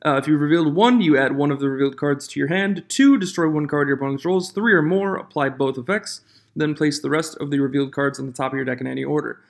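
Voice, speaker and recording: A man with a slightly high voice talks casually to his viewers as a channel host. He is informal and opinionated, sometimes reading text aloud. His voice echoes around the room, picked up by a makeshift microphone. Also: fast talker, creaky. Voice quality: echoing, reverberant sound. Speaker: YouTube host of a trading card game channel. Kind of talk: casual news commentary to viewers. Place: echoing room outside the usual studio.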